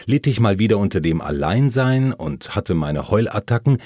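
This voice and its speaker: A man reading a first-person memoir aloud, telling the story calmly and plainly while voicing the quoted lines. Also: on the low side, moderate pace, no room sound, studio quality. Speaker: audiobook narrator.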